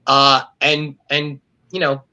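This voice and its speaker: A middle-aged stand-up comedian from New York speaks slowly in a mid-range voice during a casual video-call interview. He wisecracks in a dry, cynical, deadpan way.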